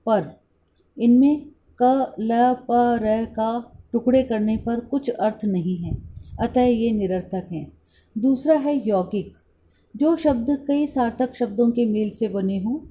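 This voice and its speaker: A woman from India lectures at a very unhurried pace, sounding out letters one at a time. Her voice sits a little high but has a dark, mellow color. She speaks in the measured manner of a college lecturer. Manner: slow, deliberate, spells out letters one by one. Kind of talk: scripted lecture.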